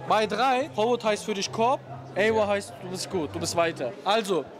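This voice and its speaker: A man in his thirties hosting a street dating game with a handheld mic, briskly counting down and joking with contestants. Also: sits high. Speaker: street interviewer. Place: busy underground station concourse, indoors. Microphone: handheld microphone. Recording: crowd noise and background music.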